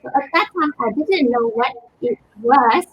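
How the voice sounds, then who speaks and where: Soft-spoken woman. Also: high voice, expressive, a little slow, highs cut off, a little hiss or hum. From Vietnam. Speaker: social work graduate student.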